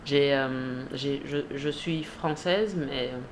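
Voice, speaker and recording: A woman's voice: a bass voice, slow pace. Woman, thirties, from Ivory Coast, interviewee, hesitant, laughs often, faint noise. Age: 30s. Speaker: grocery shop manager. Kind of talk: radio interview.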